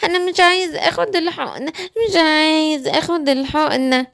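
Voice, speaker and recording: A woman's voice: high-pitched, steady tone, fairly quick, vocal fry, fairly bright tone, no room sound, studio quality. A woman with an Egyptian Arabic accent voicing a small boy monkey who tattles on his brother in a children's cartoon story, complaining in a childish voice. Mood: whiny.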